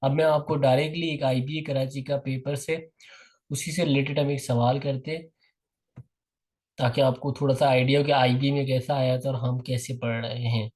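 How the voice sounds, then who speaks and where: A man's voice: mid-range voice, little pitch movement, darkish tone, low-quality recording. Pakistani man teaching an online class. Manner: explains patiently, calls on students by name, reads definitions slowly. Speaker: test-prep teacher.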